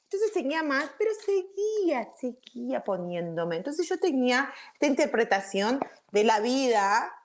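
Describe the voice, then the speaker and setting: A woman's voice: a little high, lively intonation, moderate pace. Chatty woman teaching a spiritual class. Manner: chatty, checks in with frequent 'ok?'; drops English words in Spanish talk. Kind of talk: informal spiritual talk to viewers.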